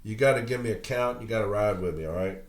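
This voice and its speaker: A man's voice: fairly low pitch, fast. A man hosting a solo podcast, talking bluntly and emphatically and reading documents aloud, sounding heavily medicated and under the weather. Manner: blunt, emphatic, repeats points and checks in with "okay?". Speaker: podcast host, letter carrier advising coworkers. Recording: roomy, echoing sound.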